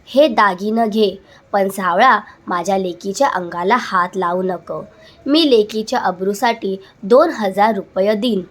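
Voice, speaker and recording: A woman's voice: mid-range voice, a little slow, close to an everyday voice. A woman voicing a frightened, humble village father pleading for his daughter in a told folk story.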